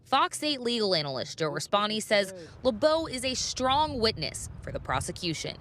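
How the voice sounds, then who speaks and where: A woman's voice: mid-range voice, sing-song, moderate pace, noisy background. An American woman reading a scripted news package as a television reporter.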